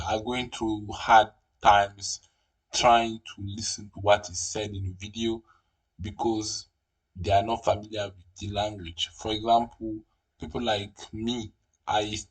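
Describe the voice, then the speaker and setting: A French-speaking man with a fairly low voice hosts a casual screen-recorded tutorial, full of fillers and restarts. The recording is rough, with the mic placed at a distance.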